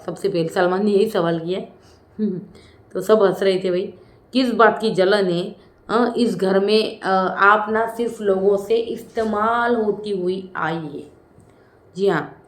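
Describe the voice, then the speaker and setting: Woman, chatty reality show reviewer, casual commentary, mid pitch, echoey room. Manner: chatty, frequently saying "bhai" and "hmm".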